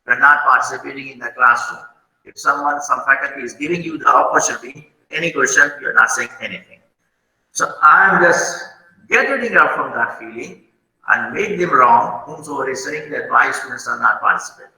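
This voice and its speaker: A man's voice: on the high side, bright, forceful tone. A man with an Indian accent gives feedback to his students on an online class, switching between Hindi and English and calling them beta. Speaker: faculty moderator. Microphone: video call. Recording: roomy video call audio.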